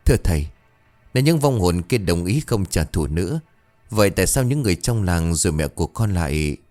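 Man voicing worried young son, polite, begging, deep voice, soft music behind. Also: expressive, brisk. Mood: pleading. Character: anxious, dutiful young village son.

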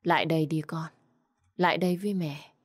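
A woman voicing a gentle, sorrowful young mother in a spoken story, talking softly and tearfully. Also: deep voice, steady tone, brisk, husky.

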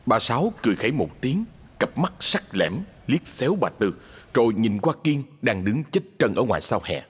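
A man narrating a ghost story, in an expressive, dramatic reading. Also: mid-range voice, moderate pace, husky, in a large hall. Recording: faint music underneath.

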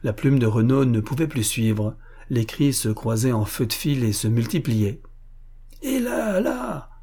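Warm-voiced male audiobook narrator. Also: mid-range voice, husky. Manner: measured, even storytelling. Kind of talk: scripted narration.

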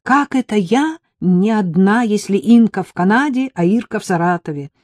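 A woman reading an audiobook, voicing a calm, stubborn young woman who answers patiently and curtly. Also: medium pitch, moderate pace, no echo, pitched above the performer's own voice, natural voice. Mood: firm. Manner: patient, curt, firm.

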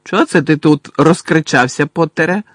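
A man's voice: a little high, expressive, moderate pace, no echo, studio quality. A man voicing a strict older female professor who asks clipped, commanding questions. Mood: stern.

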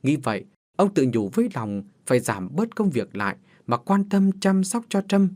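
A man's voice: a little high, big pitch swings, moderate pace, darkish tone. A man narrating a horror story in a dramatic, suspenseful scripted manner. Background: faint music.

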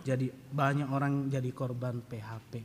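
A male pastor preaching a sermon, telling humorous stories and rising to loud emphasis, recorded in a church. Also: mid-range voice, flat delivery, moderate pace. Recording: church hall reverb, faint ambient noise.

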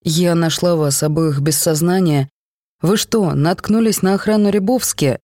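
A reader voicing a caring young woman who tries to calm her friend, in an audiobook reading. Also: medium pitch, measured pace, no room sound, clean studio sound, close to an everyday voice. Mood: questioning. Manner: soothing, pleading.

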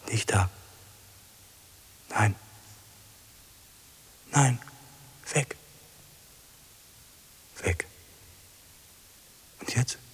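In heavily acted German radio drama, a man with a mid-range, husky voice gives despairing life to a lonely, obsessive character who is anxious and pleading. He murmurs to himself in short repeated phrases, often falling into whispers.

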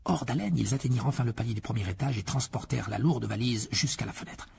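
Gravelly-voiced man reading an audiobook. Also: mid-range voice, steady tone, fast, darkish tone, a little hiss or hum. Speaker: audiobook reader. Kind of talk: audiobook narration.

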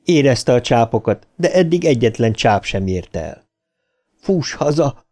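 A man reading a horror novel aloud as an audiobook narrator, with dramatic lifts of pitch at tense moments. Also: very animated, dark tone.

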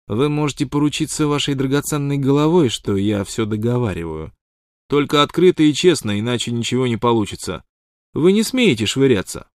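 A man reading an audiobook, voicing a brash, excitable male prospector sidekick in a loud, mocking manner. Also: mid-range voice, a little fast, no echo, studio quality, voice pushed up, natural voice. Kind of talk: audiobook character voice.

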